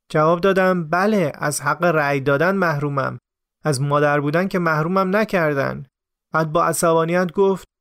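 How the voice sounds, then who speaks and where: A man narrating a true story in the first person for a podcast, in a calm, measured, reflective way. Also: fairly high pitch. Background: faint music.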